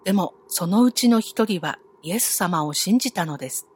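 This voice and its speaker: A woman telling a Bible story to children, gentle and friendly, asking her young listeners questions along the way. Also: lowish voice, animated, normal speed, husky.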